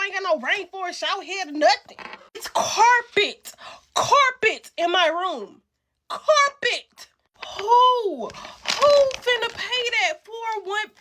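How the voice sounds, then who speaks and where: A woman venting loudly and laughing in disbelief as she rants to the camera. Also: extremely high pitch, slight background noise. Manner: exasperated, loud, laughing in disbelief. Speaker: social media creator.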